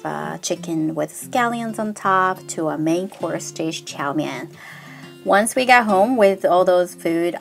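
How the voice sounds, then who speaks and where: A middle-aged woman giving a bilingual pronunciation lesson as an English teacher. She enunciates her English slowly and carefully, and she turns lively and emphatic when stressing sounds. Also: lowish voice, creaky.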